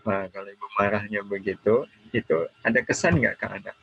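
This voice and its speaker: A man's voice: on the low side, brisk, slightly rough. A middle-aged Indonesian man giving an online religious seminar to mothers, conversational, asking questions and answering them himself. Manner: acts out a scolding parent in quoted lines. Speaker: Islamic preacher. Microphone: video call. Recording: dull video call audio with faint noise.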